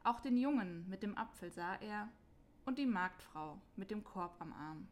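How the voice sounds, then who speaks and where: A woman reads a children's Christmas story aloud in a calm, clear manner. Her pace is slow and deliberate, with a pitch right in the middle of the range for a woman.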